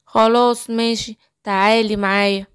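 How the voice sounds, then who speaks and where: A woman voicing a worried middle-aged father in a children's cartoon story, lowering her voice into a firm fatherly tone with an Egyptian Arabic accent. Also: flat delivery, normal speed, smooth, no room sound, studio quality, natural voice. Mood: calm.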